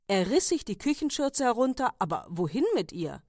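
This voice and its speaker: A woman reading stories aloud in a calm, even narrating manner. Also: medium pitch, moderate pace, no echo, clean studio sound. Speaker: reader. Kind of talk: audiobook reading.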